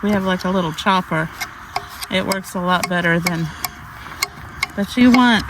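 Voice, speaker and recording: A middle-aged woman with an Arkansas Southern accent, chatting casually and folksily as she demonstrates outdoor cooking. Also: mid-range voice. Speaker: outdoor cooking vlog host. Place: outdoors in snowy cold. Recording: noisy outdoor camera audio.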